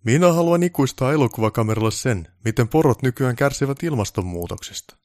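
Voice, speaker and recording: A man's voice: medium pitch, expressive, a little mellow, dry recording, clean studio sound, pitched above the performer's own voice, natural voice. A man voicing a pompous, snobbish male film director who barks orders in a haughty, raised voice.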